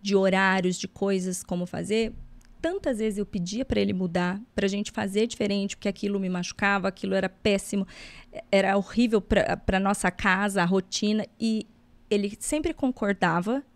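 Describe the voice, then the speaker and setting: A Brazilian woman in her thirties, hosting a casual podcast chat in a joking, self-mocking way with quick bursts of talk. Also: medium pitch, fairly even intonation. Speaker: podcast host.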